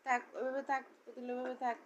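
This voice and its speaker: A woman, chatting with a toddler in sing-song baby talk and asking gentle question after question. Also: high-pitched, level tone, fast talker. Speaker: parent talking with a small child. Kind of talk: home video, chatting with a toddler. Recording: dull lo-fi home recording with faint noise.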